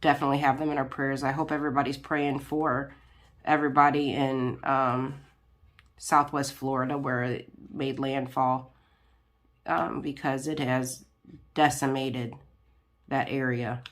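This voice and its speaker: A woman's voice: very deep voice, flat delivery, a little slow. A woman hosting a crafting video, chatting casually while she works, her voice nasal and congested from a cold, rambling with plenty of ums and restarts. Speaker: crafting channel host. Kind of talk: casual chat while diamond painting.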